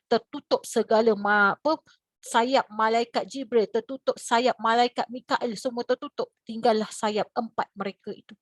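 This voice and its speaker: A woman religious teacher with a Malaysian Malay accent giving a lively lecture, asking rhetorical questions and breaking into sudden high exclamations. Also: no echo. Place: lecture hall.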